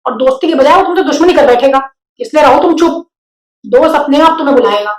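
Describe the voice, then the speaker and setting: A woman's voice: sits high, quick pace, close to an everyday voice. A woman voicing a sensible female duck who gives matter-of-fact advice. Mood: advising. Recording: roomy echo.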